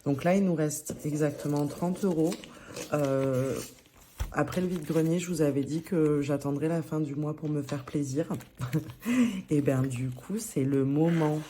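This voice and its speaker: Mellow-voiced woman chatting through her budget. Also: low-pitched, a little slow, a little hiss or hum. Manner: chatty, talks through her envelopes as she goes; hesitant, restarts sentences. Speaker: budgeting vlogger. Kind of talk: casual chat to camera.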